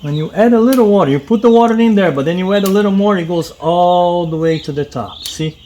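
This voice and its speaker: A man's voice: sits high, fast, warm tone, a little hiss or hum. A man hosting a vlog, casually explaining step by step how to care for baby chicks beside a coop. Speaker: vlog host.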